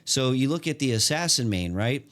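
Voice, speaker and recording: A man giving casual, excited gameplay commentary, full of slang, fillers and restarts. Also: medium pitch, normal speed. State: hiccuping. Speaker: gaming content creator.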